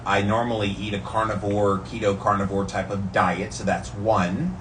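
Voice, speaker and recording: A man's voice: lowish voice, fairly bright tone. A man sitting in ice cold water, explaining things casually to his followers like a health vlogger. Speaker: vlogger sharing health tips. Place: in an ice bath, ambient noise behind. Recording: distant mic, background noise.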